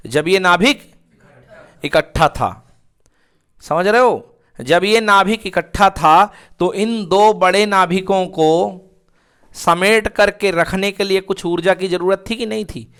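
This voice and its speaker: A man's voice: sits high, takes it slowly, a bit bright, smooth. A male physics teacher lecturing to students, repeatedly asking questions and answering them himself. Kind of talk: classroom lecture.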